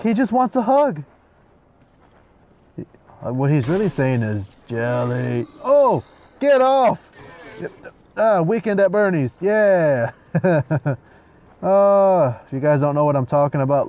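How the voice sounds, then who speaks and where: A man's voice: fairly high pitch, lo-fi sound. A man giving casual gameplay commentary, joking and sarcastic as he talks back at the game.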